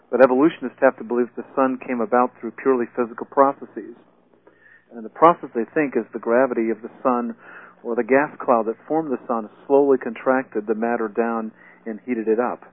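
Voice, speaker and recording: A man's voice: mid-range voice, fairly even intonation, fairly quick. A man speaking as a physics professor, explaining science in an interview. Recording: narrow phone-like radio sound.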